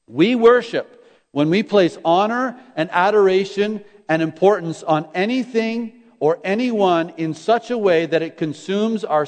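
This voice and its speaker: A man's voice: high voice, darkish tone. A man preaching a sermon, repeating phrases for emphasis and sometimes restarting his words. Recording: long hall reverb.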